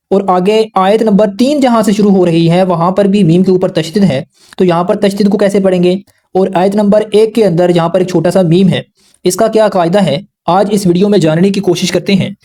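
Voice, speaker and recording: A man with a fairly high voice, teaching a lesson on recitation rules. He explains carefully and patiently, going over each rule again in plain words so beginners can keep up. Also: dark tone. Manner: patient, explanatory, repeats rules slowly and simply.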